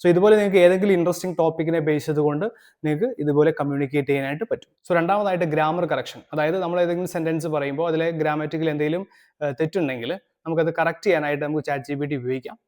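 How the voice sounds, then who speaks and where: A man from Kerala hosting a language tutorial, talking quickly in a slightly high voice. He explains each step steadily, then slows down to read his English prompts. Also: steady tone, darkish tone. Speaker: English teacher, channel host.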